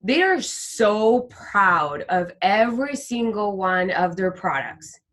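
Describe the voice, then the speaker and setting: A woman talking as an interview guest about her faith, animated and heartfelt, often acting out the voices she quotes. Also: medium pitch, slow pace. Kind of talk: heartfelt faith testimony in conversation.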